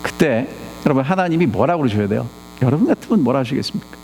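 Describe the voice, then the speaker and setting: A man's voice: mid-range voice, fast talker, creaky, slight background noise. A man preaching a sermon as pastor, questioning his congregation again and again. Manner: animated, peppers the congregation with rhetorical questions. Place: church sanctuary. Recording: long church reverb.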